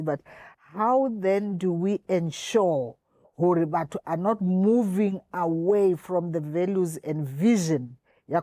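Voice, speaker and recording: Female interview guest, Sotho accent from South Africa, explaining in a mellow, fairly low voice, dry recording. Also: no echo. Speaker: interview guest, equality commission chairperson. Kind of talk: explanatory interview talk, switching between languages.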